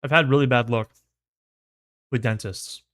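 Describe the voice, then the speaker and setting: A man's voice: mid-range voice, steady tone, normal speed, a bit bright, dry recording, clean studio sound. Casual male streamer, mouth numb from dentist. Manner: laid-back, slangy. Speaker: livestream host. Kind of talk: casual gaming livestream chat.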